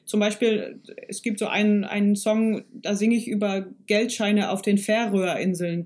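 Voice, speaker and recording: A woman's voice: mid-range voice, a little mellow. A woman with a mid-range voice talks as a guest in a casual, reflective way. She thinks aloud, often restarting as she works out her point. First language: German. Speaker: singer-songwriter, guest. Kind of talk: casual, reflective interview talk.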